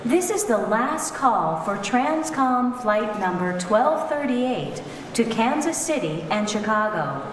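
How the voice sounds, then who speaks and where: A woman playing a formal airline gate announcer, making a deliberate scripted boarding call over the intercom. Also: a little high, big pitch swings. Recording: echoey public hall, long reverb, noisy.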